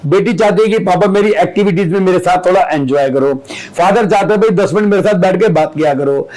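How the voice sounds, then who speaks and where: A man's voice: high-pitched, a little mellow, low-quality recording. A man speaking as an astrologer guest on a podcast, explaining steadily with everyday examples from family and school life.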